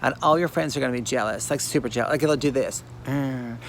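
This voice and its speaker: A man's voice: mid-range voice, quick pace, vocal fry, a bit bright, slight background noise. A man sending an effusive, rambling video greeting from his trailer, full of encouragement and advice. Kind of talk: personal video message.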